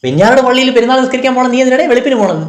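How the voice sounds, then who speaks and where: A man's voice: very high-pitched, animated, very fast. A man playing a grumbling, expectant friend in a comedy sketch, with sardonic casual banter and a southern Kerala accent. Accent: Kerala Malayalam, southern. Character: grumbling, expectant male friend waiting for a feast. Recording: roomy echo, music behind.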